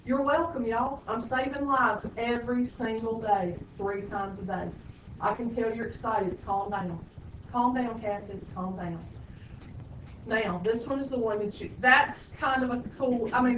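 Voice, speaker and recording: A woman's voice: fairly high pitch, normal speed, a bit bright, a little hiss or hum. A woman math teacher, lecturing a classroom with playful, sarcastic teasing of her students. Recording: echoey classroom, distant lo-fi mic.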